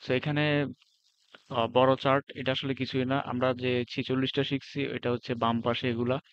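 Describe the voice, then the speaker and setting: A man casually walking through a beginner language lesson, relaxed and pausing with fillers, mixing in English words. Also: medium pitch. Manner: relaxed, often pauses with fillers while explaining. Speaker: language teacher. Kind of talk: casual spoken lesson walkthrough. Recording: dull lo-fi sound.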